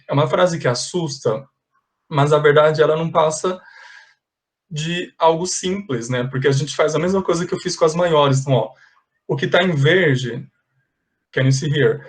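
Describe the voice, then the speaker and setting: A man with a voice on the high side teaches an English class online, patiently correcting exercises step by step and slipping in English phrases.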